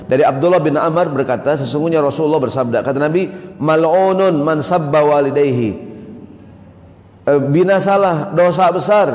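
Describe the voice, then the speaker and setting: A man preaching a sermon in a mosque, lively and joking, often asking the audience questions. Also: high voice. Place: large mosque hall. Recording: echoey mosque hall.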